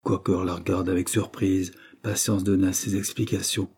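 A man narrating a classic novel as an audiobook, reading in a measured, expressive way. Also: low-pitched, vocal fry, breathy edge.

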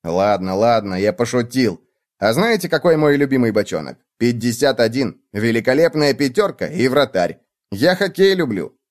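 A man voicing a mischievous, boastful little bedbug prince in a high, teasing voice for a children's storybook. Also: very animated, normal speed, lightly acted.

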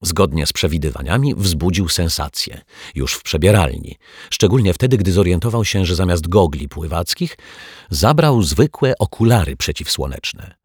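Deep husky male storyteller. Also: animated, moderate pace, a little mellow, dry recording, clean studio sound. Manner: playful storytelling, addresses the listener. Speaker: audiobook narrator. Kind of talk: children's audiobook narration.

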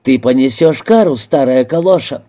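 A man's voice: lively intonation, moderate pace, warm tone, close to an everyday voice. A man doing a shrieking, vengeful old spinster. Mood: furious, threatening. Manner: shrill, spitting threats.

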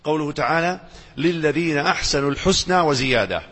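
A man teaching a religious lesson. He chants verses slowly, then explains them and asks the audience questions that he answers himself. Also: on the high side, fairly bright tone. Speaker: Islamic scholar lecturing. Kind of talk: religious lecture with Quran recitation. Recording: lecture hall with long reverb.

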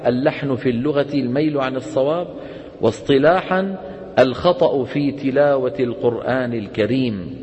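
A man teaching Quran recitation rules, quizzing his students with quick questions and answering them himself. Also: medium pitch, darkish tone, in a large hall, muffled recording. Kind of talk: classroom lecture on tajweed.

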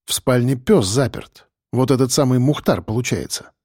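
A man's voice: mid-range voice, normal speed, darkish tone, breathy edge, dry recording, clean studio sound. Man voicing a wry, muttering investigator. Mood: muttered. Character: young man Max, wry streetwise investigator.

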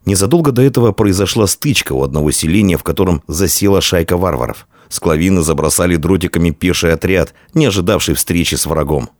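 A man reading a historical novel aloud as narrator in steady storytelling. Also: deep voice, fast, few pauses, no room sound, studio quality. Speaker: audiobook narrator. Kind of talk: scripted narration.

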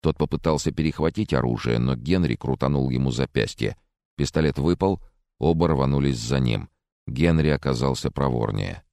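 A man's voice: extremely low pitch, normal speed, creaky, darkish tone, no room sound, clean studio sound. A man narrating a thriller audiobook in the first person, reading expressively.

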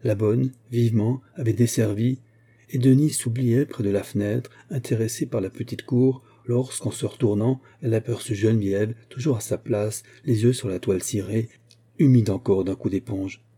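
Man narrating with a dark, husky voice. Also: fairly low pitch. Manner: steady, measured reading. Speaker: audiobook narrator. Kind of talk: scripted narration.

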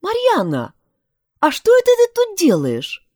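A woman voicing a brisk, teasing young female friend in an audiobook, high and animated. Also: dry recording, studio quality, heavily acted. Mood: surprised.

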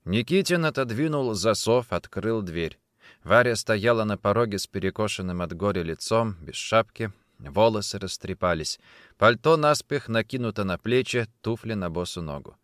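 A man narrating an audiobook in a dramatic, expressive reading. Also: lowish voice, moderate pace, no echo, studio quality. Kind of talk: scripted narration.

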